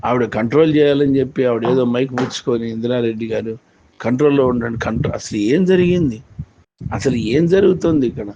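A man retelling an event in storytelling commentary, animated and full of repetition. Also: mid-range voice, fairly quick. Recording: dull lo-fi with faint noise.

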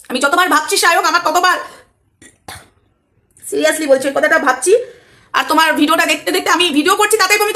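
High-pitched, fast, indignant woman vlogger. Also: sharp tone. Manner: indignant, repetitive, lecturing. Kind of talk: emotional commentary vlog.

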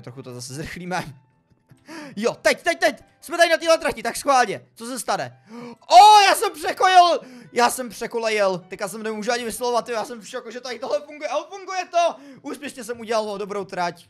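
An excitable man with a high voice, talking his viewers through a game in lively let's play commentary. He reacts with exclamations as he plays, and soft music runs in the background. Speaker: gaming video creator. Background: faint background music.

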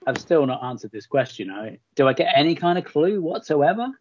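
Man, casual podcast chat, lively up-and-down voice, muffled audio. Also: on the high side, a little fast, no echo. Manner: exasperated, pleading, jokey. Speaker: podcast panel quiz contestant. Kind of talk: casual group chat on a live call. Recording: dull lo-fi call audio.

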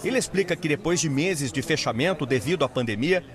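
A man reporting for television news in a measured, steady scripted delivery. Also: fairly high pitch. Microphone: handheld microphone.

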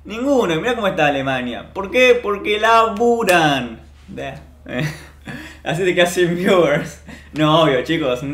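A man's voice: mid-range voice, a bit bright. A man with an Argentine accent, a streamer chatting casually and ranting jokingly to his chat. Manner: joking, mock-boastful rants to chat. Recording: roomy echo.

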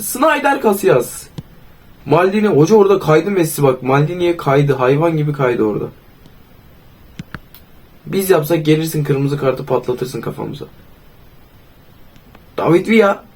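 A hoarse young man with a cold, commenting casually on his own football video game match and calling out player names excitedly. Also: on the high side. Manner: excited, shouts player names, sometimes sings. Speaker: gaming YouTuber.

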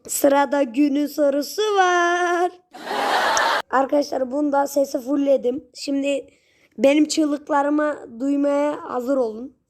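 Young woman, high voice, gameplay commentary, chatty, yelps and screams at the screen. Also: slow pace. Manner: excitable, shrieks and yells at the game; chatty, talks straight to viewers. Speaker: gaming channel host.

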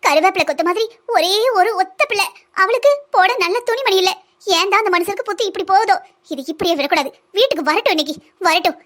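A woman doing a sharp-tongued, aggrieved village mother. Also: extremely high pitch, fast talker. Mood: resolute. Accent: southern Tamil (Kanyakumari-Tirunelveli). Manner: lamenting, scolding monologue. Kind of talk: cartoon voice acting.

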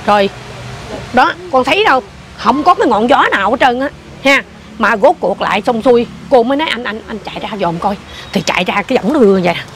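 An older woman, telling a ghost story in casual chat, animated and repetitive. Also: on the high side, fast, slight background noise. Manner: animated, repeats herself, points things out.

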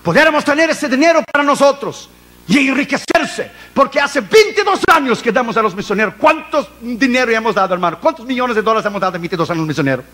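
A man's voice: extremely high pitch, expressive, quick pace, a bit bright. A man preaching a fervent sermon to a congregation, telling a personal testimony and dropping English phrases into his preaching. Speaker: evangelist preacher.

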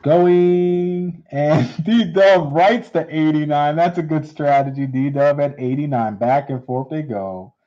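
A man runs a live coin auction, calling and repeating each bid in steady patter. His voice sounds mellow and unhurried. The stream audio is dull and lo-fi. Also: a little high. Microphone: unseen, hands on camera.

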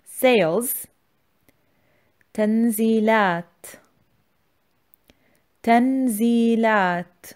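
A woman's voice: on the high side, slow pace, pauses often, darkish tone, clean tone. Woman teacher narrating a scripted lesson. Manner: instructional, enunciates words and repeats them. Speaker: language teacher, channel host.

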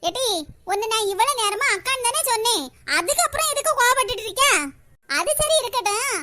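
A woman's voice: very high-pitched, expressive, fairly quick, pushed and bright, a little hiss or hum, heavily acted. A woman voicing a chatty, teasing schoolgirl younger sister in a cartoon, with a Kanyakumari Tamil accent.

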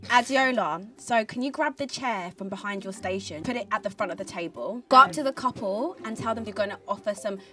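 A woman's voice: mid-range voice, brisk, hardly any pauses, distant mic, music in the background. Off-mic young woman giving directions. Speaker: prank show cast member. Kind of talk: hidden-camera prank chat.

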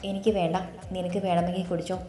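A woman's voice: lowish voice, level tone, quick pace, mellow, roomy sound, faint music behind, close to an everyday voice. Woman voicing a weary grieving mother. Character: tired, grieving middle-aged mother.

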